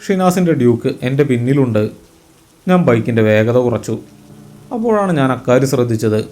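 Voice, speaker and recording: A man narrating a first-person horror story at a measured, suspenseful pace. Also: medium pitch, warm tone.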